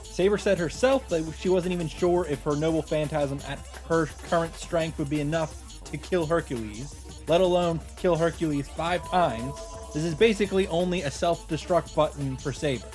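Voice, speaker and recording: With game music behind him, a man reads out a visual novel's first-person narration in an earnest, dramatic way, commenting along the way. His voice is on the high side, a little mellow, and moderately paced.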